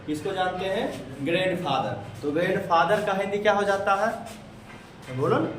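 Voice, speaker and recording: A high-voiced man with a Bihari Hindi accent speaks at normal speed while teaching an English class, putting repeated questions to his students. He is recorded from across an echoey classroom, with a little hiss or hum.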